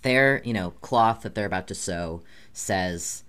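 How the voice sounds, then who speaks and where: Very deep-voiced podcast host. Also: male voice, measured pace, fairly bright tone, clear, resonant tone. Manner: explanatory, with frequent "uh" and "um" fillers. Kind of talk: casual conversational chat.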